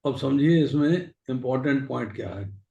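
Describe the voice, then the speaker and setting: A man's voice: mid-range voice, animated, normal speed, gravelly, warm tone, highs cut off. A man leading a scripture class, asking students questions and repeating short phrases to make his point. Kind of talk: explanatory lecture with questions to students. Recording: echoey room sound.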